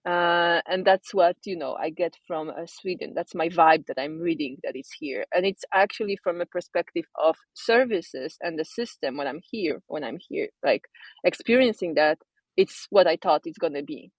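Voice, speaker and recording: A woman with a Polish accent, a designer and coach speaking casually as an interview guest, thoughtful and pausing to search for words. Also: on the low side, no room sound, poor audio. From Poland.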